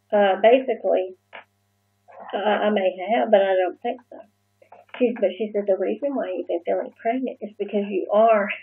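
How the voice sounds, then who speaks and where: A woman telling a personal story in a casual vlog, halting and full of fillers and restarts. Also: mid-range voice, vocal fry. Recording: muffled phone-like lo-fi sound.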